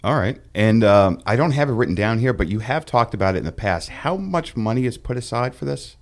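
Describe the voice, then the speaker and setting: A podcast host with an animated, mid-range voice interviews a guest at a fairly quick pace. He asks his questions in a friendly, conversational manner.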